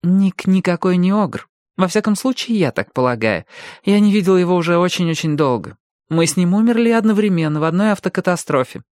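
A woman's voice: expressive, a little fast, a little mellow, no echo, studio quality, natural voice. A man voicing a spirited, outspoken young ghost girl in an audiobook, with his voice lifted well above his own. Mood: insistent. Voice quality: raised, girlish pitch.

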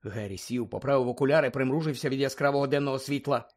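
A man reading a children's fantasy book aloud in an expressive, measured and softly dramatic way. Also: medium pitch. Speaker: audiobook narrator. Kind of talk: expressive storybook narration.

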